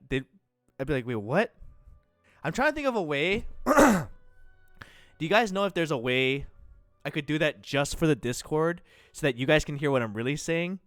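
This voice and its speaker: A man's voice: a little high, fairly bright tone, clear, resonant tone, dry recording. A young man talks casually on a home stream, laughing at himself between thoughts. He sits close to his mic, so the sound is dry and near. Faint music plays behind him. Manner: chatty, self-deprecating, laughs often. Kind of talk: casual chat. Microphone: close desk mic.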